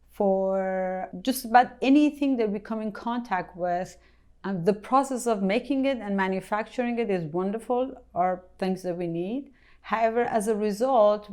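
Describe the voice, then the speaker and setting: A middle-aged woman from Iran, a company president answering interview questions thoughtfully, pausing often with ums. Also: medium pitch, clean tone. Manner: thoughtful, hesitant with many ums.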